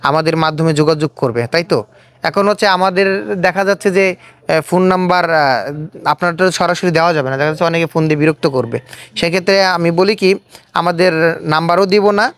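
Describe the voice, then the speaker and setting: Fairly quick in a mid-range voice yet marked by long pauses, the host leads a casual on-camera street interview. His accent is Bangladeshi, and he probes by echoing replies back as questions.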